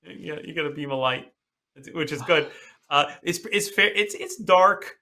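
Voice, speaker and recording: Guy running a spooky tabletop game, bright voice, keeps restarting his sentences with lots of uhs. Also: on the high side. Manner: halting, many restarts and fillers. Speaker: game master. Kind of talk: narrating a horror tabletop game.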